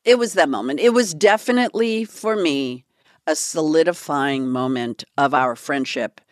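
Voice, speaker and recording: A woman's voice: deep voice, moderate pace, no echo, clean studio sound. A woman from California co-hosting a podcast, telling a story in casual chat and acting out the people in it. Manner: animated storyteller who acts out quotes. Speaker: podcast co-host.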